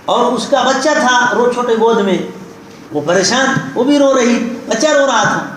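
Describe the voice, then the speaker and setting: A man with a high, lifted voice preaches a sermon, telling a tale and turning to speak straight to his listeners. His words ring through a very echoey hall, with steady background noise under them. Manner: tells a story and addresses listeners directly. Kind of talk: sermon with storytelling.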